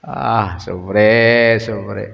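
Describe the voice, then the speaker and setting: A man's voice: fairly low pitch, fairly even intonation, drawn-out words, creaky, lo-fi sound. A man giving a religious study lecture. He reads Arabic text, translates it phrase by phrase and adds joking, colloquial asides to his students. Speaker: Islamic religious teacher. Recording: echoey hall with long reverb.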